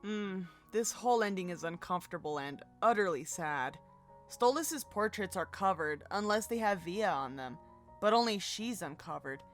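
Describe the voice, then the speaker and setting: A woman with a medium-pitched, expressive voice co-hosts a video at a moderate pace. She reads scripted commentary and drops in casual asides, with a music bed playing behind her.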